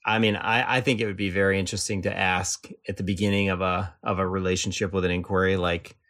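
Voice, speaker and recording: A podcast guest who works as an enrollment strategist talks casually, rambling with many fillers and restarts. His low voice has little pitch movement and a slightly bright quality, and he speaks fast.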